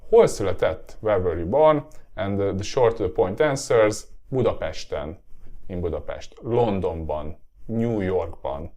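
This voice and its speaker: Man teaching, low voice. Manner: relaxed, lots of fillers and tag "yeah?". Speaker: Hungarian language teacher. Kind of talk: language lesson.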